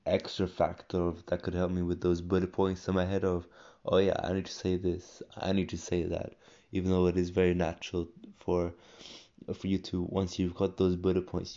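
A young man with a low, flat voice made croaky by a cold records a casual personal audio diary at home as a vlogger, coughing and clearing his throat. He rambles and corrects himself with frequent ums and restarts, and the recording is dull and lo-fi.

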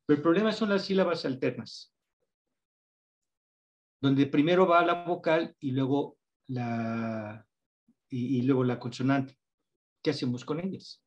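A man with a Mexican accent, explaining things patiently as an interview guest, spelling out examples slowly in a teacherly way. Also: a little high, darkish tone. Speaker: guest researcher on reading instruction.

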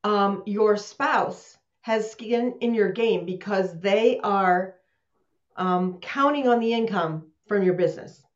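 A woman's voice: mid-range voice, takes it slowly. A woman hosting a live online session, talking casually, laughing often and restarting sentences. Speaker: host. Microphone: computer mic on a video call. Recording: roomy, dull video-call audio.

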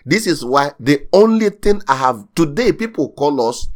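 A man's voice: a little high, animated, moderate pace. A male pastor delivering a sermon in an emphatic style. He drives his points home by repeating key phrases, and his voice swells in sudden surges of intensity.

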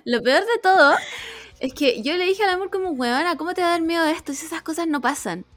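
A young woman with a Chilean accent, chatting casually as a podcast co-host, full of swearing and animated storytelling. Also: very high-pitched, brisk, no room sound. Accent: Chilean Spanish. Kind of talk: casual chat.

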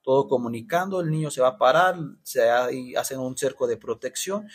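A man's voice: medium pitch, a little fast, husky. A Mexican man preaching, telling a story and acting out the people in it, with many restarts. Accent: Mexican Spanish. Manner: storytelling with frequent restarts, acting out quoted voices. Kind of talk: storytelling sermon.

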